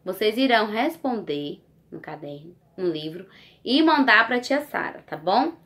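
A primary school teacher records a remote lesson for young children in a bright, medium-pitched voice. She speaks slowly in a coaxing, sing-song manner, adding tag questions.

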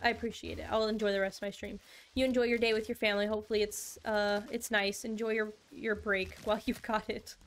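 A young woman streams a game and chats casually with her viewers, bubbly and laughing often. Her mid-range voice keeps a level tone at a quick pace.

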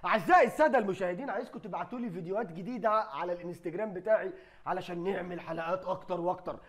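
A man with an Egyptian accent giving loud, sarcastic comedy commentary on clips, often laughing as he talks. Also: sits high, rapid-fire. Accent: Egyptian Arabic.

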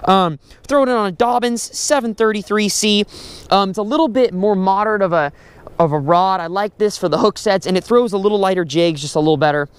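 A young man talking through his fishing gear and catches on a pond shore, chatty and excitable, recorded on a head-mounted camera. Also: high-pitched, a little fast, clear, resonant tone, no room sound. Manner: excitable, chatty, with many fillers. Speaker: fishing vlogger. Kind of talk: casual outdoor fishing commentary. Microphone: head-mounted action camera.

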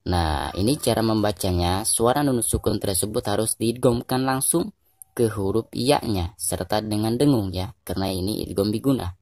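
Low-voiced Indonesian man teaching recitation. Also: darkish tone, no echo. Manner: patient, repetitive explaining, slows to drawn-out chanted examples. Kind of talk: tajwid lesson with recited examples.

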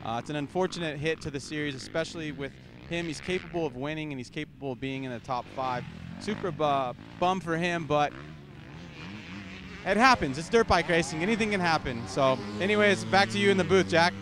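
High-voiced male pit reporter outdoors. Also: fairly quick. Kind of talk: live sports field report. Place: outdoor race pits by trailers. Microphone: handheld reporter microphone. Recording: noisy outdoor pit area.

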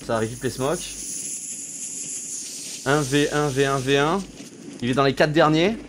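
A young man streamer commentating a tournament live, hyped and slangy, cheering and shouting at the big moments, heard through a gaming headset. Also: mid-range voice, measured pace, a little hiss or hum.

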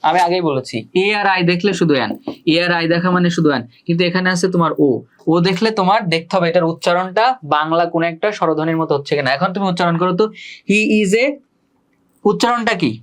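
High-voiced Bangladeshi male teacher. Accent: Bangladeshi Bengali. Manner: repetitive, questioning students, drawn-out example sentences. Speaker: English teacher. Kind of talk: online class lecture.

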